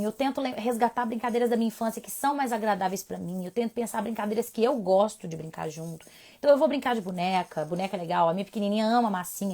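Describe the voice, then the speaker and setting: A woman, a child sleep doctor chatting casually through a live Q&A, animated and talkative. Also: on the high side. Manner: animated, chatty, swinging between soft asides and emphatic bursts. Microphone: phone mic on a social media live stream.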